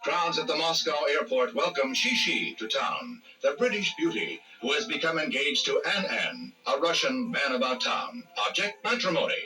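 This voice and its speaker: A male announcer giving old newsreel narration in a brisk, showy announcer delivery. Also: fairly high pitch, big pitch swings. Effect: old newsreel archive sound. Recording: distant voice over loud music.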